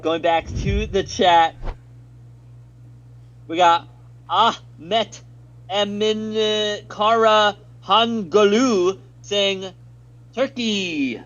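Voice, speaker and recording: A man's voice: sits high, a bit bright, highs cut off, slight background noise. An American man doing live play-by-play commentary on a stream, reading viewer chat aloud between plays in an upbeat way.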